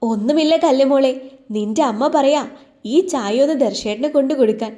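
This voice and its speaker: A woman plays a cheeky young woman in a read story, teasing with mock innocence. Her pitch sits high while the tone stays mellow. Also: normal speed, close to an everyday voice.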